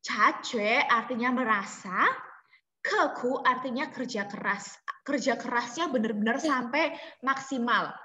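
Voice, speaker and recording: Woman teacher on a video call, high bright voice, patient, repeats examples, roomy echo. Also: muffled recording. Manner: explains slowly, repeats examples, checks understanding. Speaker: Mandarin teacher. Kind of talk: online class lesson. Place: home room on a video call. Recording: echoey room with long reverb.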